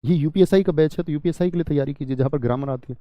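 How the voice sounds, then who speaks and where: A man's voice: a little high, very fast, mellow, dry recording. A man teaching Hindi grammar in an online class, asking students questions, answering them himself and repeating key words.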